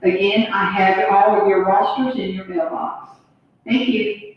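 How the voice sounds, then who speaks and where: A school staff member making a polite announcement over the school intercom loudspeaker. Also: medium pitch, level tone, a little slow. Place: classroom, heard through the school PA system. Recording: echoey, distant, muffled intercom speaker.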